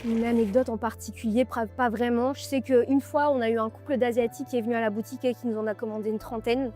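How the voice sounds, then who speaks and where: A woman managing a bubble tea shop, answering interview questions in a relaxed, chatty way. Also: fairly high pitch, quick pace, faint music behind. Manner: relaxed, chatty, laughs easily.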